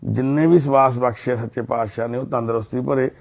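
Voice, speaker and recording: A man, a charity volunteer speaking gently and reverently in a home as he makes an appeal and reassures an elderly couple. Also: medium pitch, steady tone, brisk, gravelly. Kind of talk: on-the-spot appeal and consoling talk. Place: indoors at a family home.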